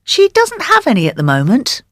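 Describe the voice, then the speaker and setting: A woman voicing a helpful quiz answerer in a scripted coursebook dialogue, giving clear, matter-of-fact answers. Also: sits high, huge pitch swings, normal speed, fairly bright tone, dry recording, studio quality, full character voice.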